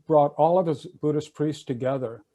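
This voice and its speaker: With a warm voice on the high side and a moderate pace, this older man recounts legal history informally over a video call. As an attorney and panelist, he talks conversationally, often restarting sentences and using fillers.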